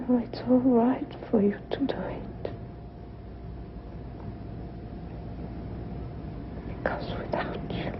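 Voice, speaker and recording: An actress in a 1940s film drama playing a gravely wounded, frightened, tender woman, speaking faintly and breathily through pain. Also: lowish voice, slight background noise. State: in pain, weak and near tears. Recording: dull 1940s film soundtrack.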